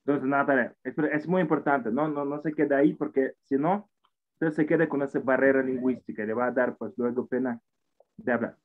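Here a man in his forties talks fairly quickly at medium pitch, teaching English over an online call in accented Spanish, which isn't his first tongue. He's patient and encouraging, often repeating points. He's indoors at a computer, and the video-call mic yields thin, phone-like audio.

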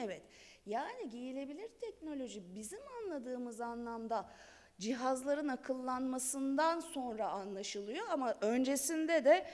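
High-voiced woman at a lectern mic. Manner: chatty and conversational, with light laughter. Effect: speaking at a lectern microphone. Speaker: conference speaker, law professor. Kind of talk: conference talk. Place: large conference hall. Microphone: lectern microphone. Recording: long hall reverb.

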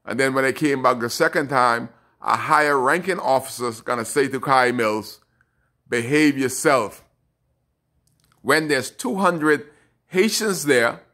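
A man's voice: medium pitch, sharp tone. An older Bahamian man in his late fifties, a local elected official, speaking emphatically and indignantly into a phone held close. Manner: indignant and emphatic, slow and deliberate. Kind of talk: direct-to-camera social media message. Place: bright indoor room. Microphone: phone held close, selfie framing.

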